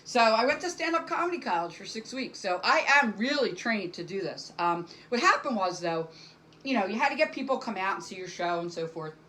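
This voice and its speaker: A woman's voice: medium pitch, expressive, fairly quick, a bit bright, rough recording. A middle-aged woman doing a casual stand-up monologue to camera from home, rambling and self-deprecating with many fillers. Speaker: stand-up comic.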